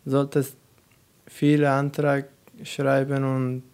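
A teenage boy from Afghanistan, a non-native speaker of German, talking haltingly as a radio guest. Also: mid-range voice, completely flat delivery, a little mellow, clean tone. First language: not German. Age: teens. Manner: halting, searching for words. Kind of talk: youth radio discussion.

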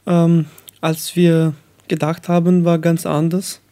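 A nineteen-year-old man from Afghanistan, a radio guest, speaking slowly and searching for words with many fillers. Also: on the high side, level tone, mellow. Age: young adult. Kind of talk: radio interview.

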